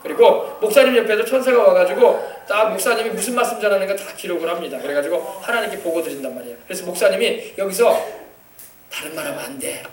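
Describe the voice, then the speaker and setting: A pastor with a South Jeolla accent giving a children's sermon, asking the children questions and waiting for their answers. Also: male voice, high voice, fast talker, hardly any pauses, slight background noise. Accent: Korean, South Jeolla (Yeosu). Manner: asks the children questions and waits for replies. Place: church sanctuary. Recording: echoey church hall, voice from far off.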